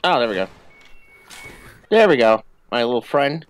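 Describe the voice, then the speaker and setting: Speaking at a moderate pace in a mid-range, sing-song voice, this man plays a co-op video game and chats casually. His playful asides sit on top of in-game gunfire and ambient sound.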